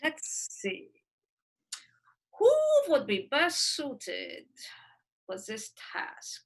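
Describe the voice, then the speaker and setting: A woman's voice: medium pitch, big pitch swings, drawn-out words, gravelly, exaggerated voice, low-quality recording. A woman voicing a scheming female mad-scientist witch doctor in a livestream script reading, theatrical and gloating with sinister chuckles. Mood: plotting.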